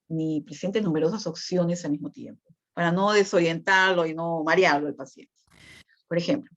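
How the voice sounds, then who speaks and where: A woman teaching a nursing class in a conversational lecture style, often checking in with her students through short tag questions. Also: fairly low pitch. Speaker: nursing instructor. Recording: dull lo-fi recording.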